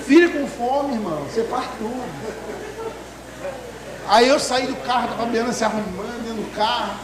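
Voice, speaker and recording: High-voiced emotive male preacher. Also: moderate pace, roomy sound, crowd noise, poor audio. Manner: emotive, swings between loud and hushed. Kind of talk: sermon.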